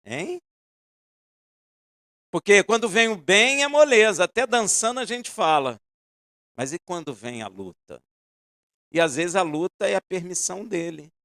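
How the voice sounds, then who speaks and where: A man preaching a sermon, asking the congregation pointed questions and swinging between loud emphasis and quiet asides. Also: high voice, expressive, measured pace, pauses often, dry recording, studio quality.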